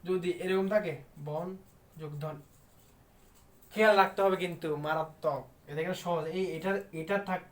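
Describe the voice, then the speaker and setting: Emphatic male exam tutor, slightly high voice. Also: a little slow. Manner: emphatic, repetitive, coaxing questions to viewers. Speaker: exam coaching teacher. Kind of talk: online exam-prep lesson.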